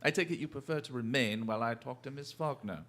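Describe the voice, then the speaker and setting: An actor playing Sherlock Holmes as a shrewd, coolly polite detective in a radio drama, with formal, precise diction. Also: male voice, mid-range voice, fast, fairly bright tone, lightly acted. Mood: probing, dry.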